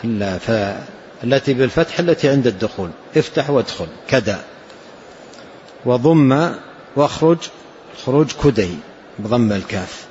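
A man gives a religious lesson, going through texts at a measured pace and repeating key phrases. His voice sits in an ordinary middle register, captured on a dull, lo-fi recording with a faint noise underneath. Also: medium pitch, lively intonation, a little mellow. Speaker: religious teacher. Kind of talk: explaining hadith in a lesson.

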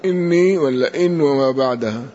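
Teacher guy chiming in with quick clarifications, muffled low-fi audio. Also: warm tone. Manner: short interjections clarifying the reading. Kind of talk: brief explanatory remarks in a lesson. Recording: dull lo-fi recording.

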